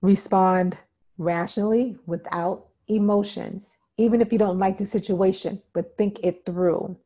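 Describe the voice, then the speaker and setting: In an interactive workshop talk, a woman instructor speaks unhurriedly in a mellow, mid-range voice with fairly even intonation. She stresses her points emphatically, repeats the key ones, and keeps checking in with listeners through "okay?" and "right?"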